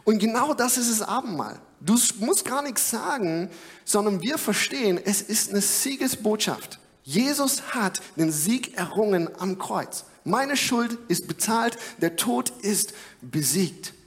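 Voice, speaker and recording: High-voiced young man preaching in a hall. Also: expressive, unhurried. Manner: earnest, conversational, with frequent fillers. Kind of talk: sermon. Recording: long hall reverb.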